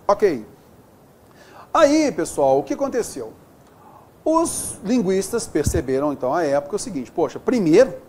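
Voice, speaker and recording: A man with a Brazilian Portuguese accent teaching a grammar lesson, talking straight to his students and stretching out the example words slowly. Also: high voice. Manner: animated, drawing out example words slowly, addressing students directly. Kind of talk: lively classroom-style lesson.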